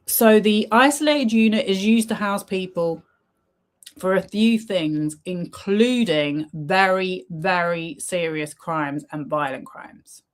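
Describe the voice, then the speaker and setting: A woman's voice: lowish voice, slow. A woman streamer giving casual reaction commentary, chatty and full of ums as she retells events. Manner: chatty, many ums, retells with quoted lines.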